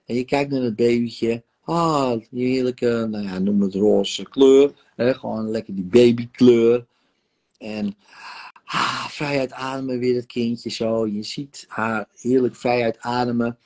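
A man's voice: medium pitch, fairly even intonation, a little mellow. A man acting as a therapist, leading a guided emotional regression session with soothing, coaxing words and long sighing exclamations. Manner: soothing, coaxing guidance with drawn-out sighs and exclamations.

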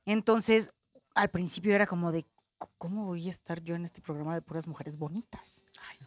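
A woman's voice: fairly low pitch, steady tone, normal speed. A woman co-hosting a casual chat, earnest and self-deprecating. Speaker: co-host.

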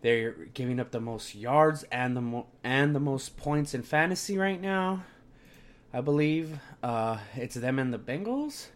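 A man's voice: mid-range voice, a little slow. A young man talking sports on a solo podcast in a brash, slangy, sweary frat-bro manner, sounding sick and tired.

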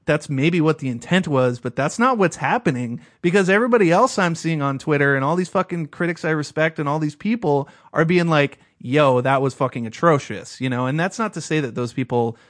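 A man's voice: a little high, lively intonation, fairly quick, hardly any pauses. A man co-hosting a podcast, ranting heatedly in casual chat with lots of swearing. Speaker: podcast co-host.

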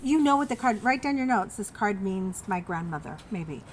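A woman co-hosting a live podcast, gently reassuring listeners as she explains how to read cards. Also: mid-range voice, lively intonation, moderate pace, slight background noise. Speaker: podcast co-host. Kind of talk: casual live podcast chat. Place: winery event space with live audience.

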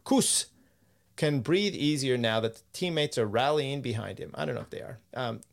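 A man's voice: mid-range voice, lively intonation, moderate pace, vocal fry. A man hosting a podcast in casual chat, rambling, swearing and laughing as he reads out news quotes. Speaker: podcast host.

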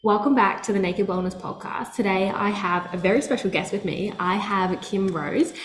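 A woman's voice: medium pitch, normal speed. A woman hosting a wellness podcast, speaking in an upbeat, enthusiastic way, first in a scripted intro and then in casual conversation. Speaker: podcast host and nutritionist. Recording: roomy echo, faint music.

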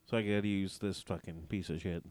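A man's voice: sits low, fairly even intonation, fairly quick, a little mellow. A man hosting a casual podcast, rambling and swearing freely while poking fun at himself. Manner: profane, rambling, self-mocking. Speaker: podcast host.

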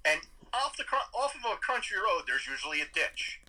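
A man telling a story in casual chat, animated and swearing freely. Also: fairly high pitch, a little fast, poor audio.

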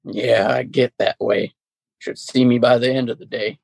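A man playing a weary, touchy talking hat in improvised comedy, grumbling and self-pitying in a gravelly voice. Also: mid-range voice, flat delivery, normal speed, a little mellow, no echo. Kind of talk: improvised comedy sketch acting.

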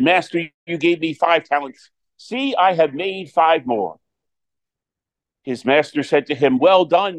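Measured male priest preaching, slightly high voice. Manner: measured, deliberate, with dramatic pauses. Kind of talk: scripture reading and sermon.

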